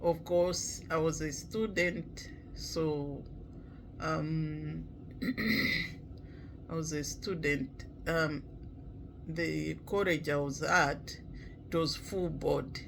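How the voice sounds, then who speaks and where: A man from Malawi, talking slowly and reflectively in a casual vlog, with many pauses and fillers. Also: fairly high pitch, fairly even intonation, a bit bright, slight background noise, low-quality recording. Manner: halting, many pauses and "you know" fillers, clears throat often. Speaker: vlogger.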